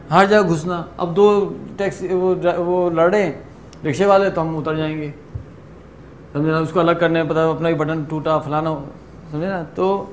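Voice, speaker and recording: A middle-aged man from Pakistan leading a workshop, telling stories in an animated way and slipping into English phrases. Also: a little high, a little hiss or hum. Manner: animated storyteller, acts out quoted exchanges, mixes in English. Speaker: workshop trainer. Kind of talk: lively lecture to a class. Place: training room with a group.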